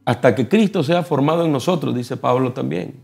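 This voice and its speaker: Gravelly Nicaraguan pastor teaching calmly. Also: male voice, mid-range voice. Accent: Nicaraguan Spanish. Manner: measured, explanatory preaching tone. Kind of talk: TV panel teaching. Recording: soft guitar music behind.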